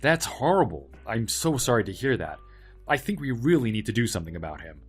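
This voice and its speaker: An actor playing a polite, helpful young office worker with quiet backbone, speaking in an earnest, measured way in a dramatized story. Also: male voice, mid-range voice, big pitch swings, breathy edge, soft background music. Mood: kind, supportive.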